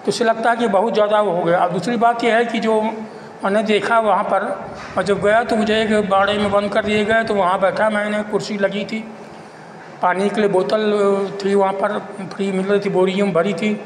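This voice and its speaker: A man giving an informal, halting and repetitive spoken account as a local citizen. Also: high voice, level tone. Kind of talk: informal spoken monologue of complaint and appeal. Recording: echoey reverberant room with faint noise.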